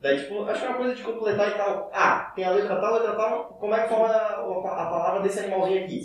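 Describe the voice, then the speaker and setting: Fast-talking young man, echoey. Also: high-pitched, fairly even intonation. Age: young adult. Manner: slangy, laughs often, fast storytelling. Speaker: podcast host. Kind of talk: casual chat. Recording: echoey room, mic at a distance, faint noise.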